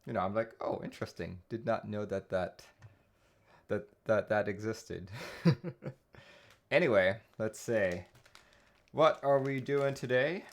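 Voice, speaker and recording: Low-voiced chatty male stream host. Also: a little slow, pauses often. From Taiwan. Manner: chatty, greets viewers and reads chat aloud. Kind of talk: casual live-stream chat.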